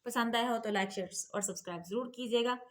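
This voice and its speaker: A woman gives a phonics lesson in a room that rings with echo. Her voice sits a little high. She spells example words letter by letter and keeps asking "theek hai na" to check in. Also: fast talker. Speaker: English teacher.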